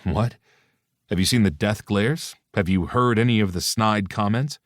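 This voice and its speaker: Brief: man voicing a teasing tough-guy operative, very low, dry. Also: normal speed, no echo, natural voice. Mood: exasperated. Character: gruff cocky male operative, teasing. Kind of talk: audiobook character voice.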